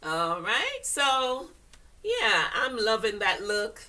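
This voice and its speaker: With huge pitch swings in a fairly high voice, an older Jamaican-accented fashion vlogger speaks slowly and sharply, recorded from a distance. She chats to camera in a rambling manner, filled with fillers and laughter, her voice congested.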